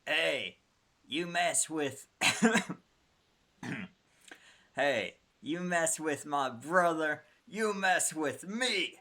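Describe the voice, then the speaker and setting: A brawling young male turtle warrior with an attempted New York accent, put on by a man. The voice sits noticeably higher than his everyday talk and comes out gruff and challenging. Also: lively intonation, extremely slow, long pauses, sharp tone, heavily acted. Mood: threatening.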